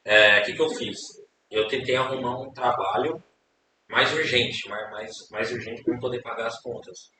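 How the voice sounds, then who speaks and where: A young Brazilian man appears as a podcast guest, telling his life story casually and ramblingly, repeating words and tacking on questions. His mid-range voice has fairly even intonation at normal speed, with crowd noise present. The room is echoey, the mic distant, and there's hiss.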